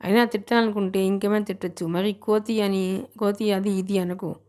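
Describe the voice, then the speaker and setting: A woman voicing a proud, sharp-tongued young bride in an audiobook, with scolding lines. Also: medium pitch, fairly even intonation, a little fast, close to an everyday voice.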